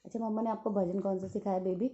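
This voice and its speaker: A woman's voice: mid-range voice, little pitch movement, quick pace, warm tone, dull audio. A woman coaxing her pet parrot in doting baby talk. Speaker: pet owner.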